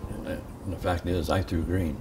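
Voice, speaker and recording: Older male veteran, low-pitched, halting as he remembers in interview; distant mic with noisy background. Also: steady tone. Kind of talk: interview reminiscence.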